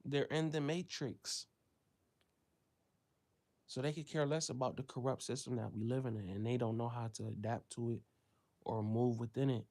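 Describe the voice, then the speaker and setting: Unscripted and full of profanity, this American man's commentary rant swings from low, quiet muttering to loud, high-pitched outbursts when he ridicules others. He keeps a steady tone at a moderate pace and pauses often.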